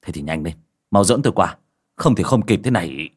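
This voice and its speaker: A man's voice: low voice, lively intonation, a little fast, breathy edge. Man doing a curt young exorcist. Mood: urgent. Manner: curt, commanding, scolding. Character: young male exorcist, brisk and commanding.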